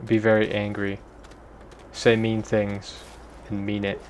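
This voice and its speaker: A young man talks through a game in a loose, rambling way, mocking himself and swearing offhandedly. His voice sits a little low. A faint hiss runs under it. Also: completely flat delivery, slow pace. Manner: rambling, self-deprecating, swears casually. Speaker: gaming video creator. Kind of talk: casual gameplay commentary.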